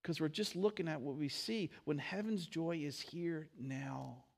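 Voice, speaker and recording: A man's voice: fairly high pitch, unhurried, vocal fry. Man preaching a sermon, leading prayer. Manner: preaching with prayer and leading the congregation in a sung verse. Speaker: pastor.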